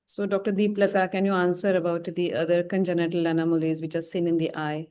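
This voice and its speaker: Female moderator, polite, lowish clear voice. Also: flat delivery, quick pace, darkish tone. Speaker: webinar moderator.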